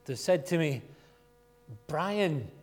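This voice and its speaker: Loud Scottish man telling a story. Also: medium pitch, big pitch swings, unhurried. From Scotland. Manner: loud, chatty and self-deprecating. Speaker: guest speaker at a church gathering. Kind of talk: informal storytelling sermon.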